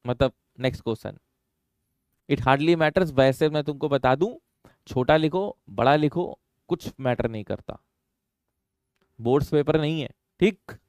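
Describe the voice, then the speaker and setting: एक पुरुष शिक्षक कक्षा में रसायन पढ़ाते हुए, हिंदी और अंग्रेज़ी मिलाकर फुर्ती से और छात्रों को छेड़ते हुए बोलता है।. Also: male voice, mid-range voice, darkish tone, no room sound, clean studio sound. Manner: brisk, teasing, mixes Hindi and English. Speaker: chemistry teacher. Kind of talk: classroom lecture. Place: classroom.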